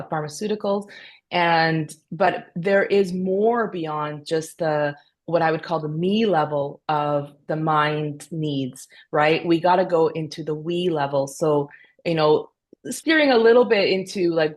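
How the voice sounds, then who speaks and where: A woman who grew up in Canada after being born in Peru, a company founder speaking thoughtfully as a podcast guest. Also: sits low. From Peru, raised in Canada. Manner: thoughtful, earnest. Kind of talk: conversational interview.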